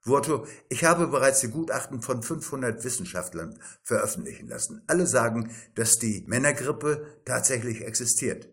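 Brief: a man voicing a glib corporate spokesman, smooth and self-assured. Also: mid-range voice, sing-song, moderate pace, few pauses, fairly bright tone. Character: slick evasive male communications chief.

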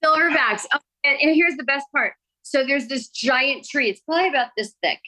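A woman, an actress, chatting as a podcast guest, telling stories in an animated, excited way. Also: sits high, brisk, low-quality recording. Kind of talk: casual interview chat.

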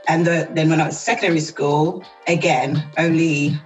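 A woman, a guest on an interview podcast. She talks in a relaxed, chatty and thoughtful way and laughs often. Faint music runs underneath her voice. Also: low-pitched, normal speed, low-quality recording. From South East London, England. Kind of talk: casual interview chat.

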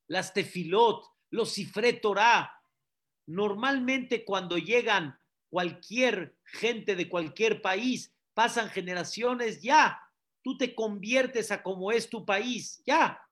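A rabbi preaching a sermon, repeating phrases and asking the listeners questions. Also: male voice, high voice, fairly bright tone. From Mexico. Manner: preaching with repetitions and rhetorical questions.

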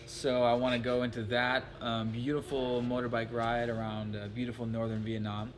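A man with a medium-pitched, level voice hosts a travel vlog, chatting to the camera at normal speed in a loose, rambling way. Crowd noise and a noisy ambient background surround him.

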